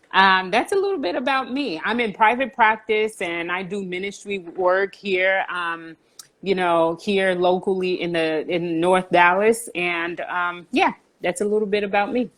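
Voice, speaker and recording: Woman from Haiti, forties, guest counselor; measured, patient explanations, fillers. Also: lowish voice. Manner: calm, explanatory, with frequent "um" and "you know". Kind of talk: conversational interview explanation.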